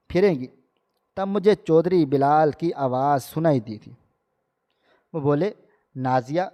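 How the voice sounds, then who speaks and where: A man reading a dramatic first-person story in a steady storytelling manner. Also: fairly high pitch. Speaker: narrator. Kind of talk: scripted story narration. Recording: long hall reverb.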